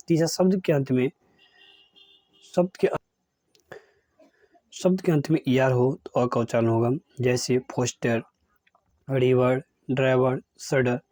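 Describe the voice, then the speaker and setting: A man gives an English pronunciation lesson. He states each rule and then reads a list of example words one at a time. His voice is warm and mellow, and the recording is dry and close. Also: mid-range voice, no room sound. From India. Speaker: English teacher.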